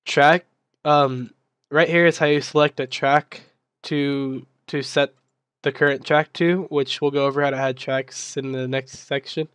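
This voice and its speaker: Still recovering from being sick, a young server admin explains a game server control panel in a screen-recorded software tutorial, casually and with lots of fillers. His mid-range voice is steady, a little slow and a bit bright, clear and resonant, with no echo.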